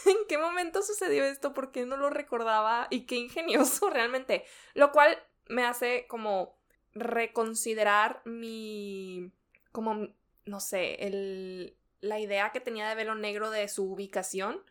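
A woman's voice: a little high, unhurried, fairly bright tone. A woman co-hosting a casual book discussion, chatty, laughing often and trailing off mid-thought. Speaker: book podcast co-host.

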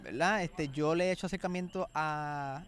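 Easygoing Puerto Rican voice actor. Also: male voice, on the high side, normal speed, fairly bright tone. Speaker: voice actor and audiobook producer. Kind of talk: casual chat.

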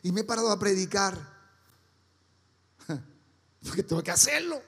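A Caribbean pastor with a high-pitched voice preaches with fervor, throwing questions at his congregation. His voice rings with a long echo through a church hall. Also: lively intonation, a little slow, vocal fry, fairly bright tone, slightly rough. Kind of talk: sermon.

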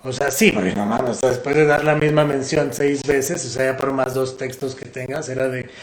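A man with a Mexican Spanish accent, chatting casually as a radio host in slangy, relaxed talk. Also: mid-range voice, normal speed, echoey room. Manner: slangy, relaxed, acts out examples.

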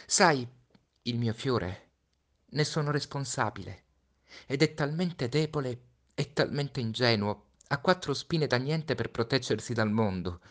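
Earnest little boy prince from a storybook, man doing him, high and pleading. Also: lively intonation, unhurried, natural voice. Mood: tender. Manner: raised, pleading childlike voice.

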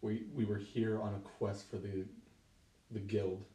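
A man's voice: fairly low pitch, little pitch movement, a little slow, dark tone, natural voice. A man voicing a polite male adventurer in a tabletop game, speaking formally and carefully. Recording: roomy, from far off the mic.

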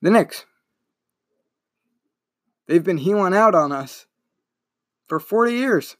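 A young man talks through his solo sports podcast in a loose, rambling way, stopping to correct himself as he goes. His voice sits a little high for a man. The recording is dry and close, with no room sound. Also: animated, slow, no room sound. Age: young adult. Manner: rambling, self-correcting, chatty. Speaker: podcast host.

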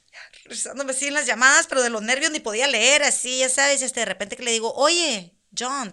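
A woman in casual conversation, telling a long personal story in an animated way, laughing now and then. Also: on the high side. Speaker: guest.

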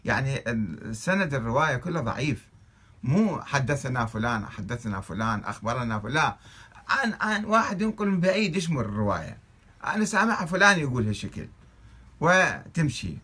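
Husky, forceful Iraqi male commentator, argumentative, reading and critiquing texts. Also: mid-range voice, very animated, fairly quick. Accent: Iraqi Arabic. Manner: argumentative, fires off rhetorical questions. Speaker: religious commentator.

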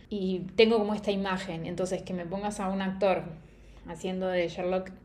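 A woman's voice: lowish voice, a little mellow. Chatty young woman reviewing books. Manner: chatty, opinionated, laughs easily. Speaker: book reviewer. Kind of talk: casual book review vlog.

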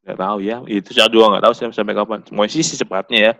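Fast-talking young man, casual football chat. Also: lowish voice, steady tone, fairly bright tone, lo-fi sound. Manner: quick, chatty, restarts often.

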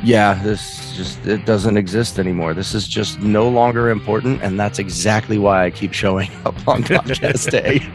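A man's voice: on the low side, normal speed, few pauses, over music. A man co-hosting a podcast in casual chat, joking and laughing often while talking over a remote call. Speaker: podcast co-host.

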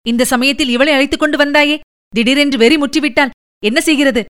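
A woman's voice: high-pitched, a bit bright. A woman reading the part of a composed royal princess in an audiobook, speaking firmly and with dignity. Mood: dignified. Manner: dignified, firm, measured.

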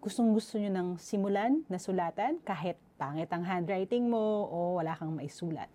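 A woman's voice: medium pitch, mellow. A woman with a Filipino accent giving a playful, wry scripted promotional narration for a product of her own, mixing two languages.

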